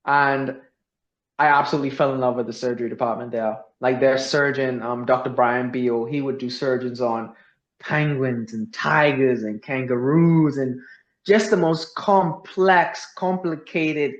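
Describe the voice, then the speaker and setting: A man's voice: medium pitch, steady tone, measured pace. Earnest young man from the Bahamas. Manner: earnest, uses many fillers like "like". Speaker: veterinary student guest. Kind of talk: casual interview conversation. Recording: roomy, dull lo-fi sound.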